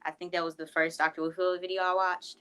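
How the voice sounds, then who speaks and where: A man's voice: high voice, level tone, quick pace, bright, forceful tone, smooth. A man chatting casually as a guest, hesitant and repeating himself. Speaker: horror host guest. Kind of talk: casual chat.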